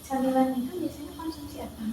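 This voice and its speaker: A woman's voice: sits high, fairly even intonation, fast talker. A young woman, a nutrition student, politely asking questions and summarizing in a counseling interview. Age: young adult. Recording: very echoey room with faint noise.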